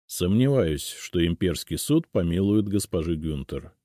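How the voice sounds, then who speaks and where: Audiobook: man doing a gruff colonel, low and dry. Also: lively intonation, measured pace, mellow, no room sound. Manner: gruff, frowning. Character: male police colonel, gruff and sullen.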